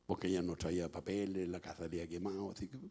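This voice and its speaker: Gravelly Chilean Spanish pastor preaching. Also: male voice, low voice, little pitch movement, fast talker. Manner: swings from hushed storytelling to loud shouting. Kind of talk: sermon with personal story.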